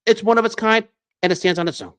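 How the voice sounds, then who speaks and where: Higher-pitched guy doing a sports show rant, excited, lots of uh and restarts. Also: fast, clean tone. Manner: enthusiastic, stop-start with restarts and fillers. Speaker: sports talk host. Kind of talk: unscripted sports commentary monologue.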